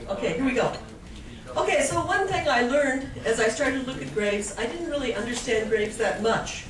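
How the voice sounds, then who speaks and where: A woman, a guest lecturer and anthropologist, gives an informal, explanatory public lecture in an indoor meeting room with an audience, often checking in with "okay?" and "right?". Her voice is a little high with lively intonation at normal speed. The room is echoey, the mic distant, and a crowd is audible in the background.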